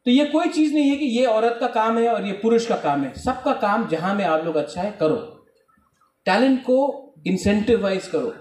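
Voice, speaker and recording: Man, high voice; exhorting speech to students; recorded from a distance in an echoing hall. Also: lively intonation, moderate pace, darkish tone. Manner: exhorting, rhetorical questions to the crowd. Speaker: guest speaker at a student event. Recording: echoey hall, speaker off-mic.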